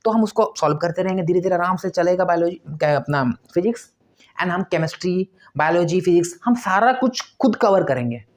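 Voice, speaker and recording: A high, animated voice belongs to a male exam-prep teacher offering motivational study tips at a slightly fast clip. His delivery is emphatic, full of repetition and rhetorical questions.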